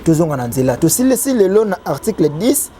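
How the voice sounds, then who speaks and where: A Congolese man, a guest on a talk show, explaining legal clauses in an animated, loose way and sometimes reading the text aloud. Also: high voice, fairly quick, a little hiss or hum. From Democratic Republic of the Congo.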